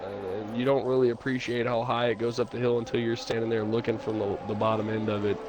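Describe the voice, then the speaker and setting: A man doing relaxed live commentary on a sim racing stream, chatting and reading chat messages aloud. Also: mid-range voice, fast talker, music in the background. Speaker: race commentator. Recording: stream audio with clear background noise.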